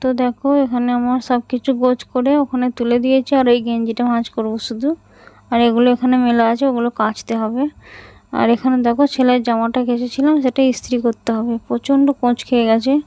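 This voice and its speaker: A woman's voice: fairly high pitch, little pitch movement, fast, mellow, poor audio. A woman chatting casually to her viewers in a home lifestyle vlog. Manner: chatty, addresses viewers as friends. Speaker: lifestyle vlogger. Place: home at night.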